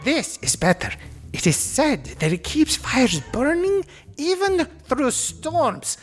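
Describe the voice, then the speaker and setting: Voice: sits high, big pitch swings, slow, soft background music, voice pushed up, full character voice. A game master voicing a small, boastful male goblin peddler who pushes his wares in a frantic, repetitive patter. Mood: frantic pitching. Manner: pushy, frantic, repeats himself.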